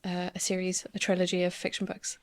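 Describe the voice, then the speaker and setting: Creaky-voiced woman. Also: on the low side, completely flat delivery, fairly quick. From Swansea, Wales. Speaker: podcast guest. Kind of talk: casual interview chat.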